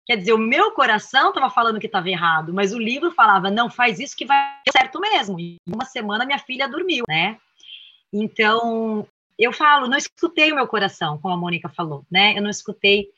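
A woman guest therapist speaks in a bright, crisp voice, earnest and heartfelt as she reflects aloud. She often closes her thoughts with a tag question. Her voice comes through dry, with a slightly muffled, dull sound. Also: fairly high pitch, expressive, fast talker, no room sound. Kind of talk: reflective conversation.

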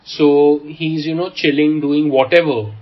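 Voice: medium pitch, fairly even intonation, unhurried, highs cut off. A podcast co-host with an Indian accent, chatting casually and riffing playfully in a comedic style.

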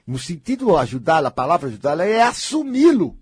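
A man with a husky voice gives a blunt, emphatic spiritual talk to an audience, often swelling to near-shouts. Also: fairly high pitch, very animated, fast talker, dry recording, clean studio sound.

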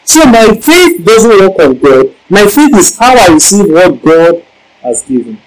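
A man's voice: high voice, very animated, unhurried, rough recording. A male preacher giving a Bible-teaching sermon, emphatic, repeating key lines and asking the congregation questions.

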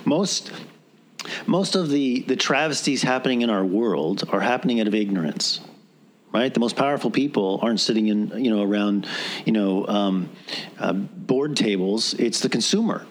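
A man's voice: lowish voice, animated, moderate pace. Earnest male podcast guest. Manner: earnest, persuasive, repeats words when searching. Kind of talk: casual conversation.

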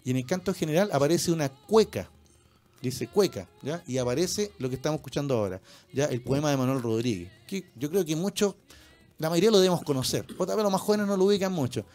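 Chilean radio host, tag-question habit. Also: male voice, a little high, animated, fast talker, a little mellow. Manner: peppers speech with tag questions. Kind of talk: casual radio chat about music. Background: faint music.

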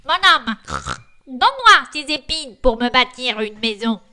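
A man voicing a stubborn little pig in a storybook reading, shrill and insistent. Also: sing-song, unhurried, sharp tone, full character voice. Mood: asking.

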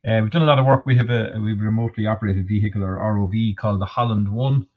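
A man from Kerry with a west of Ireland accent, explaining things informally and haltingly as an interview guest. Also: on the low side, fairly even intonation. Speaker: interview guest, marine research manager. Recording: dull, narrow lo-fi audio.

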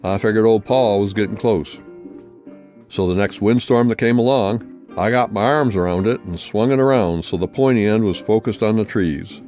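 A man's voice: lowish voice, normal speed, a little mellow, soft background music, close to an everyday voice. A man voicing a boastful uncle who spins tall tales in a folksy cowboy drawl. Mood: folksy boasting.

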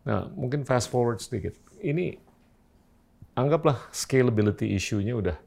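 A man's voice: medium pitch, lively intonation, moderate pace, vocal fry, darkish tone. A male interview host, asking questions and adding short reflective remarks. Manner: brief backchannels, reflective remarks.

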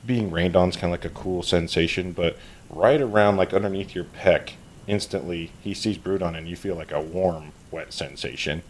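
A man's voice: deep voice, normal speed, slight background noise. A man narrating as game master of a tabletop game, casual and chatty, laughing and using lots of fillers.

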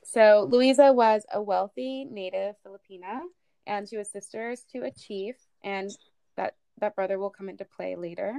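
A woman's voice: mid-range voice, normal speed, vocal fry, dark tone, clear, resonant tone, no echo. A woman co-hosting a casual history podcast, talking in a chatty way with many fillers. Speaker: podcast co-host.

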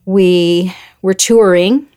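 A woman's voice: fairly low pitch, fairly even intonation, very slow, mellow, clear, resonant tone. A middle-aged woman chatting as a guest, telling a story and acting out the voices she quotes. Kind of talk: casual storytelling chat.

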